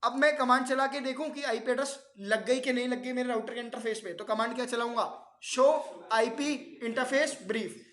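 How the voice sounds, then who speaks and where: A man's voice: very high-pitched, fairly even intonation, fairly quick, hardly any pauses, fairly bright tone, echoey room. A man teaching a networking class, explaining step by step and often quizzing his students with questions. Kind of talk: classroom lecture.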